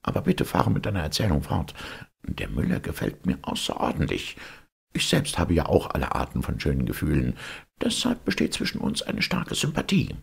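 A man's voice: extremely low pitch, wildly swooping pitch, moderate pace, creaky, breathy edge, full character voice. A man voicing a snobbish, opinionated water rat that talks in a dismissive, know-it-all way, in a storybook reading.

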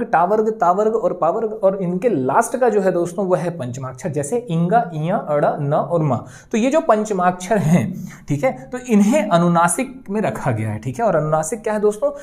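A woman's voice: mid-range voice, a little mellow. A woman teaching a Hindi grammar lesson for exam students, explaining step by step, checking in with "ठीक है" and sounding out the letters. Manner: explains step by step, often adds "ठीक है" and "दोस्तों", says sounds aloud.

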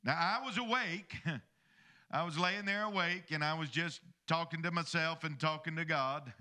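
The same kind of middle-aged pastor preaches from the stage with a handheld mic, breaking into call-and-response asides that invite the congregation's amens. Here his slightly high voice is bright and forceful, and his delivery a little slow.

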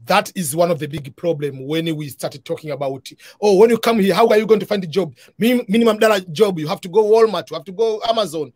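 A middle-aged man hosts a live online interview by video call from his living room, talking fast with few pauses in a high, slightly mellow voice without echo. He is earnest, restarts frequently, and says "uh" a lot.

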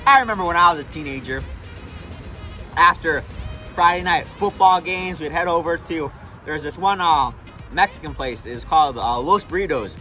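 A young man hosting a casual fast food review vlog outdoors, chatty and jokey, talking straight to his viewers. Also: fairly high pitch, sharp tone, faint music behind, low-quality recording.

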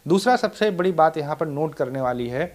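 Reaction channel guy explaining a clip, kinda high voice. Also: expressive, fairly quick. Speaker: reaction video host. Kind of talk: commentary.

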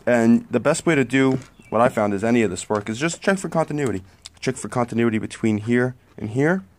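A home mechanic with a medium-pitched, darkish voice talks fairly quickly as he explains repairing a car part in a casual how-to vlog. He films one-handed on his phone close to the work at a garage bench under a tent, sounding plain-spoken and a bit apologetic.

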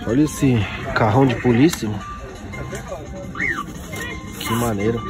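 With music in the background, a young man with a mid-range voice and measured pace narrates a casual walk-through of an outdoor flea market. This toy collector vlogger films on a handheld phone camera, showing off toys and pointing things out constantly.

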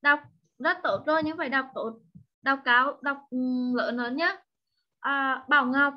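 Slow, high-voiced Vietnamese teacher woman. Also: fairly even intonation, lo-fi sound. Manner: repeats each word many times, switches between English and Vietnamese. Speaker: online English teacher. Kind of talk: slow drilling of vocabulary for young learners.

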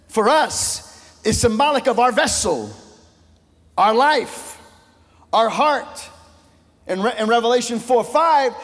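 A male pastor delivers a sermon with fervor, his voice climbing loud and then falling to a hush. His voice sits high for a man. The sound rings with the long echo of a large church sanctuary. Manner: impassioned preaching, voice swelling and dropping low.

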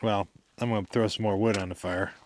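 A man's voice: on the low side, steady tone, fairly quick, a little hiss or hum. A man chatting casually to viewers as a vlogger, in an informal, rambling and appreciative way. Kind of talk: casual chat to camera.

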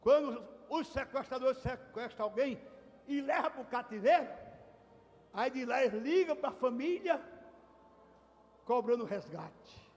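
A pastor preaching a sermon, fervent and shouting to stress his points. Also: very high-pitched, animated, measured pace, pauses often. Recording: long reverb in a large hall.

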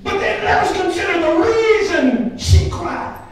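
A man preaching from the pulpit, his voice very high and his delivery slow and deliberate. He repeats words as he builds up and breaks into shouts. The sound is picked up from far back in a very echoey sanctuary, with faint organ and the congregation behind him. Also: expressive. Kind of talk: sermon. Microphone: pulpit mic, camera at the back of the room.

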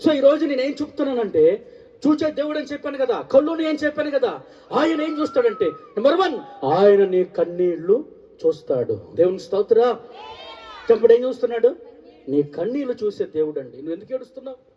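Pastor, male, high voice, preaching with call-and-response; recorded from afar, muffled. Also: expressive, fairly quick, warm tone, recorded from a distance. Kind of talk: sermon.

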